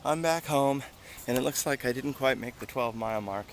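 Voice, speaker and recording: Man, casual vlogger, hesitant low-key delivery, background noise. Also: moderate pace. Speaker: running vlogger. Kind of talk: casual vlog chat, standing at home before and after a run.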